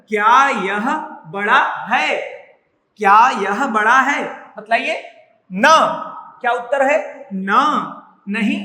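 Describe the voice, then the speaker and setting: A male Sanskrit teacher giving a slow classroom lesson, repeating each word and its meaning and putting questions to the class. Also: very high voice, sharp tone. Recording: echoey room with long reverb.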